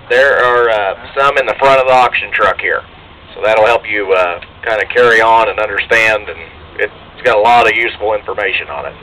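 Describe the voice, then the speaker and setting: Male auctioneer, middle-aged, forceful and folksy, on an outdoor PA with clear background noise. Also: medium pitch. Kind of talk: live outdoor auction announcing. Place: outdoors at a tree lot, from an auction truck. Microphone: handheld PA microphone, filmed by bystander's camera. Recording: noisy outdoor PA recording.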